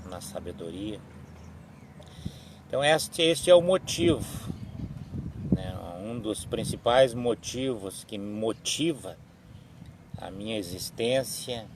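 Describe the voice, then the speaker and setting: Slow, halting man in his 60s. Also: fairly low pitch, background noise. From southern Brazil. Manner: slow, halting, many restarts and tag questions. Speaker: evangelical live-stream speaker. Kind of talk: reflective religious talk on a live stream.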